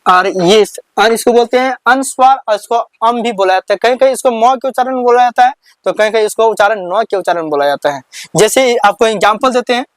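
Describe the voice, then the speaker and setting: The recording is close and totally dry, free of room echo, capturing a high-voiced man who teaches Hindi. He goes through the alphabet like a slow classroom lesson, counting slowly, repeating questions back to his students, and answering his own "what will we read?"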